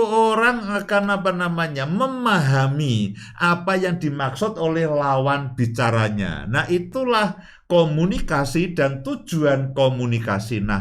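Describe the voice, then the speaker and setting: A man co-hosting a show on marriage with his wife. He explains step by step, opens many lines with "nah," and laughs easily as he teases her. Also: fairly high pitch. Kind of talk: instructive talk on marriage.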